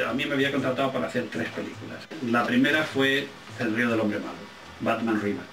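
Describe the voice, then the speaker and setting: An older man with an accent from Spain, a film director telling casual anecdotes in an interview, halting as he searches for words. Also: medium pitch. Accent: Spanish, from Spain. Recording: roomy, distant microphone, faint music.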